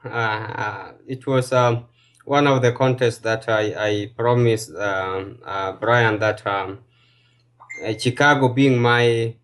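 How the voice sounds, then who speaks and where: A man from Kenya, a guest in a casual interview, speaking hesitantly with many fillers and pauses. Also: mid-range voice, steady tone, fairly bright tone, clean tone. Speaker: guest bodybuilder and personal trainer.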